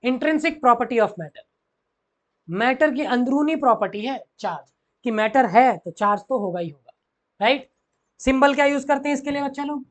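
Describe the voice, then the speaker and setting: A man's voice: very high voice, animated, a little fast. A man teaching physics to school students, who repeats key phrases and keeps asking the class questions. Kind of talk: classroom lecture mixing Hindi and English.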